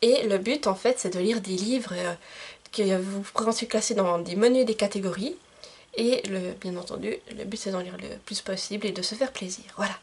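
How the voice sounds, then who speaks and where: A woman's voice: mid-range voice, slightly rough. A woman book vlogger chatting casually to camera about book recommendations, with many fillers and restarts. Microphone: camcorder.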